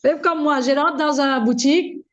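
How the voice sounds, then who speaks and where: A woman's voice: high voice, normal speed. A woman chatting casually in a group, talkative and repeating her phrases. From Mauritius. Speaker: participant. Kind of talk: casual chat. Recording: dull lo-fi recording.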